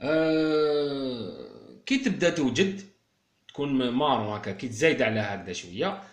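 A man's voice: medium pitch, very animated, moderate pace, echoey room. A man with an Algerian accent, a bird keeper explaining things casually and speaking directly to his viewers.

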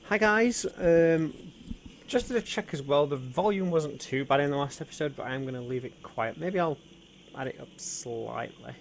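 Male gaming host, gravelly voice, loose chatty commentary over noticeable background hiss. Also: on the high side, normal speed. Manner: chatty, talks to viewers while playing, frequent ums. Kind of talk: casual let's-play commentary.

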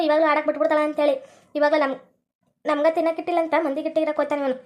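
Brief: high, quick woman, scolding sketch comedian. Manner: scolding, quarrelsome village banter. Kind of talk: comic sketch acting.

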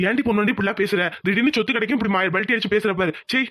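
A woman's voice: mid-range voice, rapid-fire, a bit bright, close to an everyday voice. A woman voicing a grumbling, scolding middle-aged village husband in a cartoon.

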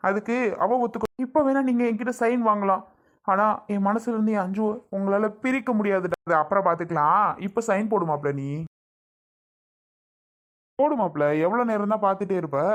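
A woman's voice: mid-range voice, fairly quick, natural voice. A woman playing a desperate young man who is tied up and begs to be freed, in quarrelsome slangy speech. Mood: defiant. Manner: pleading and quarrelsome, rough slangy talk. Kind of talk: family skit acting.

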